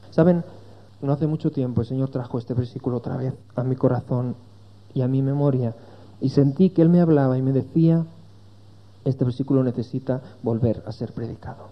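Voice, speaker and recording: A man's voice: medium pitch, lo-fi sound. A man preaching a sermon to his congregation, earnest and rising to emphatic peaks.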